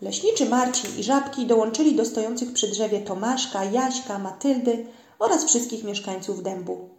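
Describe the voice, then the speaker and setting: A woman narrating a children's storybook in a gentle storytelling manner, in a roomy-sounding recording. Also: on the high side, moderate pace. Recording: roomy echo.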